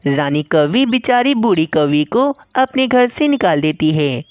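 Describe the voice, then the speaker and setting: A woman's voice: low voice, measured pace, dry recording, highs cut off. A woman narrating a cartoon story in a scripted storytelling style. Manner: lively storytelling, addresses viewers.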